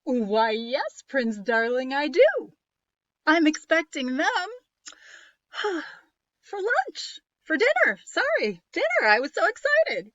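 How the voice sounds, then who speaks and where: A woman's voice: high voice, sing-song, slow, fairly bright tone, no room sound, highs cut off, pitched above the performer's own voice, full character voice. A woman voicing a sly, greedy witch who speaks in a sugary, scheming way.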